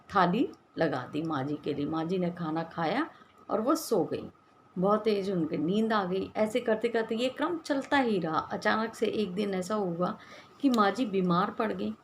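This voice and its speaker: A woman's voice: medium pitch, a little hiss or hum. Conversational woman storyteller. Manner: conversational, retelling with many "she says" links. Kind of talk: casual story narration.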